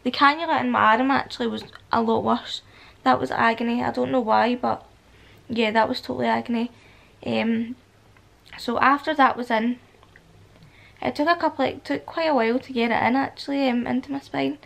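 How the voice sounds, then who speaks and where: A woman from Scotland, in her twenties and down with a cold, speaks huskily and softly to a camera or phone at arm's length while lying against the headboard in her bedroom. Her casual vlog chatter is hushed and filled with ums. She pitches on the high side, keeps her intonation fairly even, and moves at a moderate pace.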